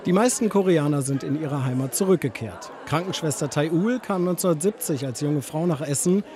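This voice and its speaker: Male reporter reading a news voice-over. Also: fairly high pitch. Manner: measured, even narration.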